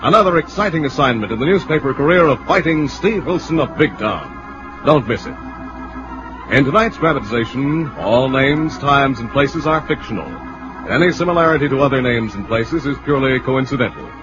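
An American man works as an old radio announcer, formal and emphatic at a middle pitch. He delivers scripted copy over clear music on a dull vintage recording. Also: animated, normal speed. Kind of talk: old-time 1940s-50s radio announcing, scripted sponsor and closing narration.

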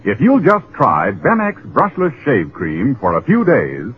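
A man's voice: medium pitch, huge pitch swings, measured pace. A man announcing a sponsor's message and the show's sign-off, in an emphatic sales manner, heard from an old broadcast disc. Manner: emphatic, sing-song sales delivery. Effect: old broadcast disc recording. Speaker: radio announcer. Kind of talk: 1940s radio commercial announcing. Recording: muffled 1940s radio transcription with music.

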